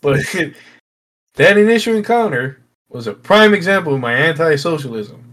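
A man's voice: fairly high pitch, lively intonation, normal speed, a bit bright. Swearing man in matey podcast banter. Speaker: podcast co-host. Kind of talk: casual chat among friends.

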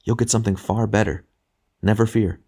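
A man's voice: fairly low pitch, a little fast, breathy edge, voice pushed up. Man playing a serene, patient redeemed spirit. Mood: gentle, reassuring. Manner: calm, patient, gently urging. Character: serene, joyful male redeemed murderer spirit, younger, gently frank. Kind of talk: literary audiobook character dialogue.

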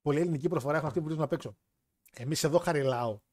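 A young man from hosting a wrestling show, joking in a lively, slangy way. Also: a little high, heavy background noise. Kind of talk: casual chat reading chat comments.

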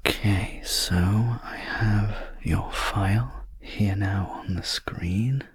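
A man in a whispered role-play as a sleep story narrator, voicing a calm, reassuring spacecraft sleep technician in a breathy, gentle whisper. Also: on the low side, takes it slowly. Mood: soothing, attentive.

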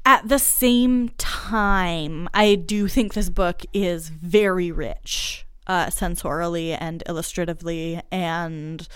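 A woman's voice: on the low side, fairly even intonation, slow, hardly any pauses, fairly bright tone, clean tone, dry recording. A woman co-hosting a podcast in casual book chat, chatty with lots of fillers and giggles. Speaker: podcast co-host.

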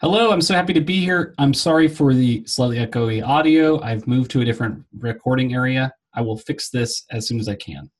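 A man co-hosts a podcast in relaxed conversation, his voice bouncing around an echoey room at home. The echo makes it sound like he's recording in a cave. His pitch sits right in the middle for a man. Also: brisk, few pauses. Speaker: podcast co-host. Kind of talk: casual chat.

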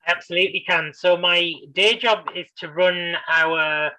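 Bright-voiced academic guest. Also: male voice, sits high, normal speed, rough recording. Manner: cheerful, articulate, lightly humorous. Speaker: university researcher and guest. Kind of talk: casual podcast interview.

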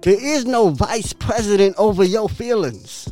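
Man, podcast host, high-pitched voice, lively swings, blunt swearing, soft music behind. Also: unhurried. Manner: profane, emphatic, repetitive preaching; animated, laughs often. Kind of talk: motivational podcast monologue.

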